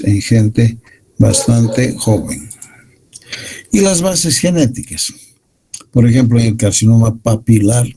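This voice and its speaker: A man giving a university medical lecture, explaining slides in a measured way. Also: on the low side, warm tone, a little hiss or hum, low-quality recording.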